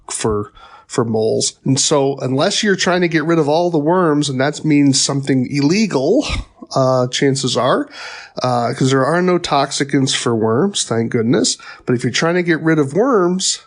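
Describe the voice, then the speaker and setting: A middle-aged man giving a pest control training talk in a conversational way, with wry asides and frequent fillers and restarts. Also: fairly high pitch. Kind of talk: instructional podcast talk.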